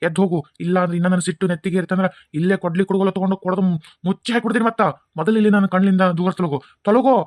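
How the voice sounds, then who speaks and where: An enraged father with a North Karnataka accent, put on by a woman, rattling off his scolding at speed. The voice sits at a middling pitch and is recorded dry and close. He is a cartoon dad, fiercely protective of his son. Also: steady tone, a little mellow, dry recording, natural voice. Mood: furious. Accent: North Karnataka Kannada. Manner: scolding, fast and heated. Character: angry protective father, grown man.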